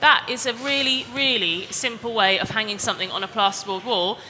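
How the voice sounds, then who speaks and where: A woman gives a chatty, step-by-step DIY demonstration on stage. Her voice is bright and a little high, and it echoes through a big exhibition hall with faint noise in the background. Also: brisk. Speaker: DIY presenter. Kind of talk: live demonstration talk. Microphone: headset or lapel mic.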